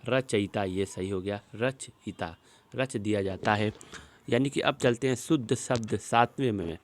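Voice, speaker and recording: Speaking in a lowish voice, a man explains spelling questions displayed on a screen during exam preparation, slowly repeating every word.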